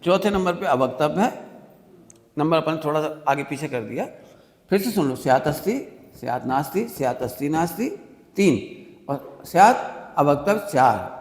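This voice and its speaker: Lively man teaching in an echoing hall. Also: on the high side. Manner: keeps asking listeners if they understood; explains slowly with everyday examples. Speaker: religious teacher leading a workshop. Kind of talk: classroom-style religious discourse. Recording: reverberant hall sound.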